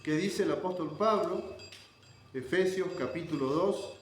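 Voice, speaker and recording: An Argentine man gives a sermon with a fairly high voice, teaching scripture line by line and pausing to check that his listeners follow. The room around him rings with heavy echo, and a faint hum of noise sits underneath. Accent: Argentine Spanish. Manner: explains verse by verse, checks in with "¿sí?". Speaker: preacher.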